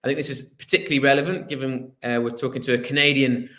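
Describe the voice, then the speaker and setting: A Welsh man in his thirties, a business founder giving an earnest online presentation with a storytelling manner and the odd filler pause. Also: medium pitch, fairly even intonation, bright, forceful tone. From Wales. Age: 30s. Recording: roomy echo.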